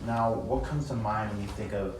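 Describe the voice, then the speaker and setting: A young woman co-moderating a focus group, brisk and prompting questions. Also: rumbling low. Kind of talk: casual spoken moderation. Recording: echoey room from far off, background noise.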